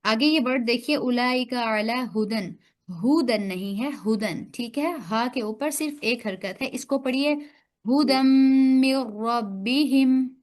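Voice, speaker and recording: Over a video call, this Urdu-accented woman teaches Quran recitation online, working patiently through her students' pronunciation one point at a time. She speaks a little slowly, with a voice on the high side.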